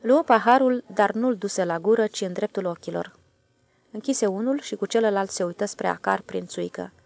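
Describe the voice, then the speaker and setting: A woman narrating a literary audiobook in an even, measured reading. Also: medium pitch, creaky.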